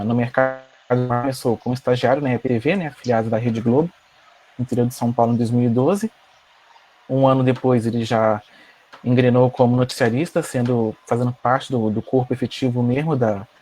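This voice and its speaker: A young man with a Brazilian accent giving a halting, formal but unscripted introduction as a student host. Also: mid-range voice, darkish tone, slightly rough. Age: young adult. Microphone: video call. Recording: noisy video call.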